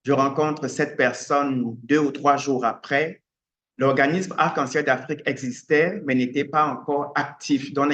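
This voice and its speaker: A man from Cameroon, a writer and activist, answering interview questions thoughtfully with frequent pauses and restarts. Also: medium pitch, a bit bright. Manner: hesitant, many pauses and restarts. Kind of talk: interview answers, reflective storytelling. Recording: dull lo-fi sound, faint ambience.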